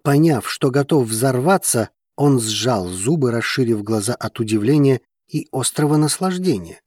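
A man narrating an audiobook in a measured, even reading manner. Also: medium pitch, no room sound, studio quality.

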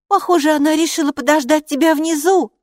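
Woman playing a sarcastic bossy girl, raised pitch, snappy, lively, storybook. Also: moderate pace, dry recording, clean studio sound. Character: sardonic older girl, bossy and snorting.

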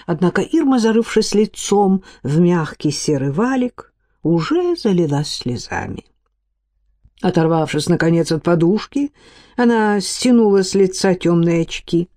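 Mellow woman narrating a story. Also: fairly low pitch, very animated, a little slow, no room sound, clean studio sound. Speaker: audiobook narrator. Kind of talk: scripted narration.

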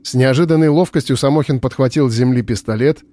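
A man reading an audiobook narration in a steady, even storytelling voice. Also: medium pitch, fast. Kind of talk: scripted narration.

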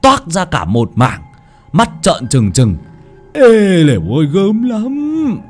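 A man's voice: high-pitched, wildly swooping pitch, slow, faint music behind, pitched above the performer's own voice, full character voice. A man doing a gloating cruel servant. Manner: gloating, boastful, with bursts of laughter. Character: scheming young male servant, gleeful and cruel.

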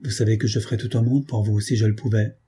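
A man reading an audiobook, voicing a brooding young man who pleads in a low, desperate voice. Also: steady tone, fast, dark tone, husky. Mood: pleading. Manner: low, pleading, then angry.

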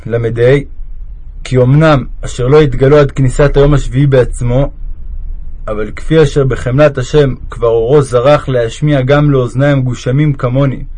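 Male reader, mid-range voice, steady measured recitation of devotional text. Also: mid-range voice. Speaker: reader of religious texts. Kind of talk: reading aloud a devotional text.

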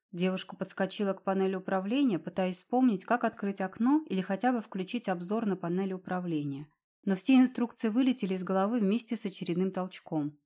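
A woman's voice: medium pitch, mellow. Woman reading a fantasy audiobook. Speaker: audiobook narrator. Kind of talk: scripted narration.

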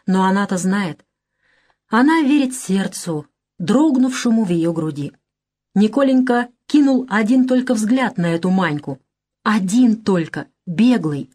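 A woman's voice: medium pitch, expressive, unhurried, darkish tone. A woman narrating a classic novel as an audiobook, reading expressively with emotion.

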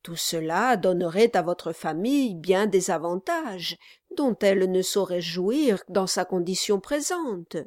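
A woman's voice: on the low side, expressive, measured pace, darkish tone, no room sound, studio quality. A woman voicing an oily, scheming middle-aged male lawyer in an audiobook, speaking in a honeyed, falsely cheerful way. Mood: wheedling.

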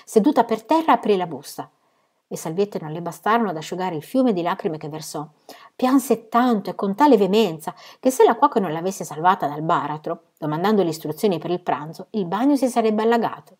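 A woman reading a novel aloud in steady, measured storytelling. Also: medium pitch. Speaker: reader.

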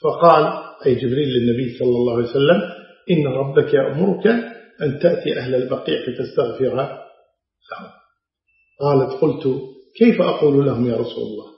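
A man's voice: medium pitch, fast, pauses often. A middle-aged man giving a religious lecture, retelling old narrations and explaining them in everyday asides. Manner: narrates hadith then explains in colloquial Gulf Arabic asides. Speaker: Islamic scholar lecturing. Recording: very echoey dull lecture recording.

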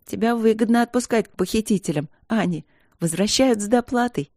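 A woman voicing an excitable, teasing teenage sister, talking fast and bouncy in a storybook reading. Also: fairly high pitch, no echo, studio quality, voice pushed up. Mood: excited.

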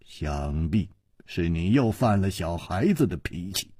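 Guy doing a strict old patriarch, voice dropped way low and quiet, slow, raspy. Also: animated, dry recording, clean studio sound, full character voice. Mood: stern. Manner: deep, slow and severe. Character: stern older patriarch, commanding father.

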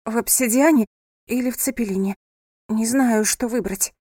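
A woman voicing a panicky, dramatic young bride who wails and complains in a high, loud voice. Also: normal speed, dry recording, natural voice. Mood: panicked. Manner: hysterical, wailing.

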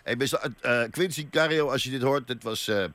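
A man's voice: medium pitch, very noisy. A man hosting a late-night radio talk show, joking and teasing his guests. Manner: joking, teasing, quick asides. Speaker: radio host.

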